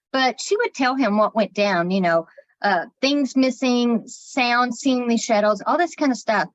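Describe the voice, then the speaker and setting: A woman chats casually as a podcast co-host, her voice sitting a bit high. She swears freely as she tells the story. The sound is dry and a little dull, as if recorded close in a small space on modest gear. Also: no room sound. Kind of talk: casual chat.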